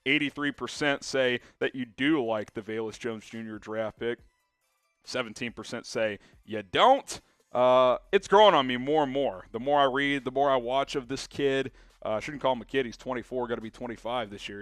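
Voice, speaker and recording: A young man hosting a live sports talk stream, reading viewer comments aloud in an energetic, chatty way with plenty of fillers. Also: medium pitch, normal speed, dry recording. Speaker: sports show host.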